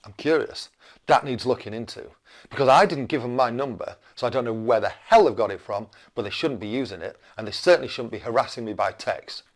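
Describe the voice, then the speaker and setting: A British man in his fifties, mid-range in pitch and speaking a little fast, rants to camera as a video blogger. He sounds indignant and cranky, hammering his points home with plenty of rhetorical questions.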